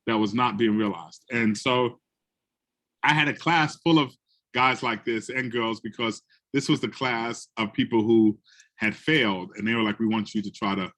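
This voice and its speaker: This Bronx, New York educator and guest speaker tells classroom stories in conversation, animatedly acting out the people he quotes in other voices. His voice sits at medium pitch and moves at a normal speed.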